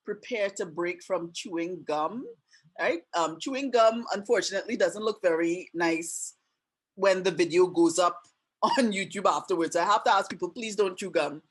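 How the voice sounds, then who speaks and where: A woman's voice: fairly low pitch, moderate pace, breathy edge. Trini-canadian lady running a zoom webinar, chatty, lots of "right?" asides, computer mic sound. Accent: Trinidadian with a Canadian tinge. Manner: chatty, friendly, explains with many asides and 'right?' tags. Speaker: webinar host and teacher. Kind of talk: casual online webinar presentation.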